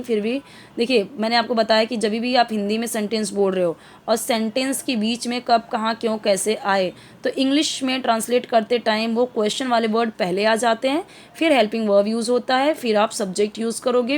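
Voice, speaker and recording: Woman teaching English slowly. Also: a little high, a little hiss or hum. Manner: explains slowly with many fillers, mixing Hindi and English. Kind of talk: Hindi-English language lesson.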